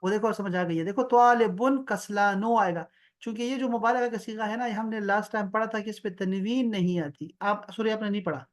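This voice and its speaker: Man teaching over a video call. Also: high-pitched. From Pakistan. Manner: explanatory, repeats words slowly for the student. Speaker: Arabic teacher. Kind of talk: online one-on-one language lesson.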